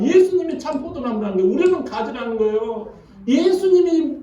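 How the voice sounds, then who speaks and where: A male pastor preaching a sermon, animated and asking the congregation questions. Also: very high-pitched. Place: church sanctuary. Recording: echoey church from far off.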